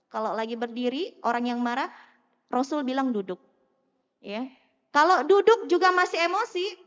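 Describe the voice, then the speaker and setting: High-voiced woman preaching in an echoing hall. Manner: animated, teasing, asks the crowd questions. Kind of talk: lively sermon to a live audience. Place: mosque hall. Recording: muffled sound in a long-echo hall.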